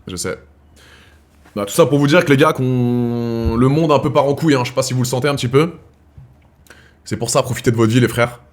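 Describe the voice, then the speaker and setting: A man's voice: mid-range voice, brisk, long pauses, slight background noise. A man hosting a live chat show from France, talking casually and slangily to his viewers, calling them brothers and restarting his sentences as he rambles.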